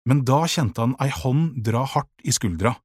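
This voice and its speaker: A man narrating a children's audiobook in a calm, measured way, with a husky voice. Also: mid-range voice, no room sound, clean studio sound.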